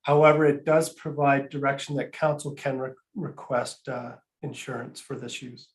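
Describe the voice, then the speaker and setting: A man's voice: medium pitch, steady tone, moderate pace, a little hiss or hum, poor audio. A male municipal staff member presenting a report to council in a formal, procedural way.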